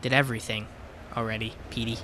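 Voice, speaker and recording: A man's voice: medium pitch, flat delivery, fast, sharp tone, a little hiss or hum. A man casually commentating his gameplay, chatty and offhand with frequent swearing. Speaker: let's play host.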